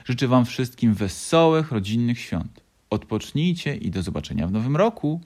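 A kind woman schoolteacher from a children's storybook, addressing her class warmly and formally, put on by a man. The voice is a little raised and loud, with a husky, creaky grain. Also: mid-range voice, sing-song, normal speed, pitched above the performer's own voice. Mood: kindly.

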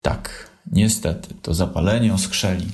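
A man voicing a calm, kind female mouse doctor who reassures a sick child. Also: low voice, moderate pace, close to an everyday voice. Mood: reassuring. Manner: steady, reassuring.

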